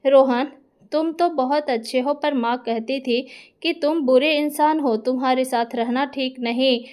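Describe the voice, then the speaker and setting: A woman's voice: high voice, measured pace, darkish tone, smooth. A woman reading the lines of a young wife who begs not to be sent away. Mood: recalling. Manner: pleading. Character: young wife, pleading and tearful.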